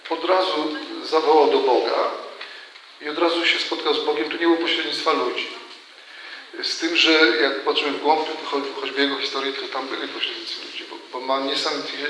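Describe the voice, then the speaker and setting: A priest speaks earnestly to a retreat audience, often restarting and repeating himself as he tells a story. His voice is bright and sharp, and it rings through a very echoey hall. A faint hiss sits under the recording. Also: mid-range voice, recorded from a distance. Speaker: priest giving a retreat talk. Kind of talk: retreat conference talk.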